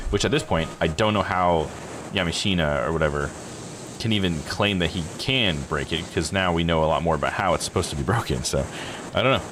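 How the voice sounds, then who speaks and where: A deep-voiced game streamer reads a visual novel's text aloud, mixing in casual comments. Music plays behind him, and the background is noisy.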